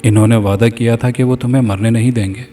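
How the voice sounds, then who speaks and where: A man's voice: medium pitch, steady tone, dark tone, close to an everyday voice. A man voicing a sorrowful young woman's ghost who speaks earnestly. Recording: distant mic, faint background music.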